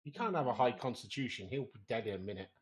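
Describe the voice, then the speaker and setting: A man's voice: mid-range voice, animated, quick pace, slight background noise. A man playing a tabletop game, chatting casually in a wry way. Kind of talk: casual chat.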